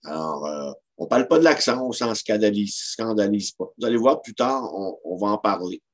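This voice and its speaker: A man's voice: lowish voice, lively intonation, normal speed. A man with a Québécois French accent giving an informal lecture, hesitating often with fillers and restarts. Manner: hesitant, frequent "euh" and restarts.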